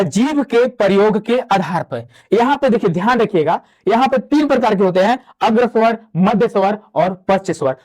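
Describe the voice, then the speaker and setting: A man's voice: high voice, darkish tone. A man teaching a Hindi grammar lecture, explaining step by step and posing questions to the class that he answers himself. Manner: drawn-out spoken demonstrations of vowel sounds; chatty classroom asides to students. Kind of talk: online exam-prep lecture.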